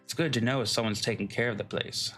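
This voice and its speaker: A man's voice: medium pitch, fairly quick, a bit bright, faint music behind. A man streaming a video game, chatting casually with loose, joking, profane asides. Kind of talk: casual gameplay commentary.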